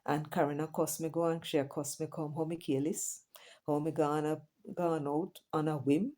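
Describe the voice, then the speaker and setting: The host, a middle-aged Jamaican woman, has a low, warm voice and a steady tone, speaking at normal speed. Her casual commentary to viewers switches between patois and English and includes chatty asides.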